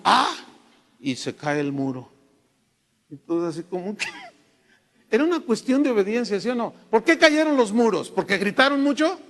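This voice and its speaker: A Mexican man preaching a sermon as a pastor, telling humorous stories with lively asides in a church hall. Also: sits high. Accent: Mexican Spanish. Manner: storytelling, humorous, animated asides. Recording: echoey hall reverb.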